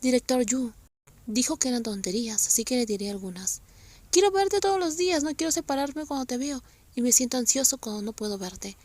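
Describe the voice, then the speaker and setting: A woman voicing a bold, lovesick young man in a read-aloud story, speaking low and insistently. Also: very animated, a little fast, a little mellow, no echo. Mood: pleading.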